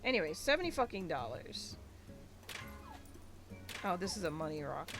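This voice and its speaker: A woman's voice: on the low side, big pitch swings, normal speed, over music. A woman streaming a game, chatting casually and ranting in a rambling way with lots of filler words. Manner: rambling, ranty, many filler likes. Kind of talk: casual gaming livestream commentary.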